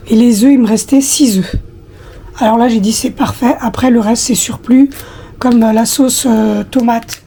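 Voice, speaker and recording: A woman in her thirties with a husky, slightly hoarse voice, chatting casually to her viewers with many hesitations. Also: a little high, mellow, slight background noise. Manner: hesitant, many fillers, talks directly to viewers. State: hoarse after flu, coughing. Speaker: lifestyle vlogger.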